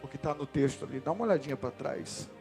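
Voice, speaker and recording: A man in his forties from Brazil, a pastor preaching a sermon and telling his own story, swelling louder and higher at the climaxes. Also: fast talker, gravelly, faint music behind. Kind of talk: sermon with personal testimony.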